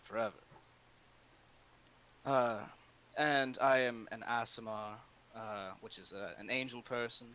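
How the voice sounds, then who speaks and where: A man's voice: medium pitch, fairly even intonation, bright, forceful tone, smooth, rough recording. A man playing a zealous angel-born paladin. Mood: solemn. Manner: solemn, halting proclamations with fillers. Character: vengeful male angelic paladin, grandly zealous.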